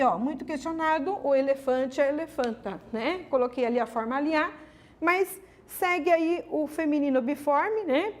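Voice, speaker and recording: A woman teacher with a Brazilian accent giving an exam-prep grammar lesson. She asks herself her students' questions and answers them, and keeps checking with tags like "ok?". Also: high voice. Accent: Brazilian Portuguese. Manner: lively, emphatic, many "ok?" and "né?" tags.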